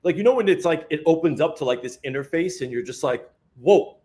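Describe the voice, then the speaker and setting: A man co-hosting a casual video podcast, animated and laughing, swearing casually as he talks. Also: on the high side, fairly quick. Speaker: co-host.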